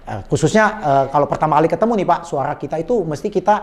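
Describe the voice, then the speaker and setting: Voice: medium pitch, animated, quick pace, a little mellow. A sales trainer explaining communication tips in an emphatic, conversational coaching style, politely adding "Pak" to many sentences. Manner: acts out sample phone greetings in a changed voice. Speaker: sales and body language trainer.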